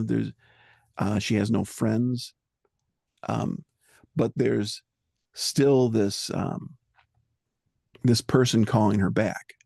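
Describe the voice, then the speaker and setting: A man being interviewed as a musician, talking in an earnest, halting way and searching for words. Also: on the low side, creaky, warm tone, dry recording, clean studio sound. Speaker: musician guest. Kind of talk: reflective interview talk.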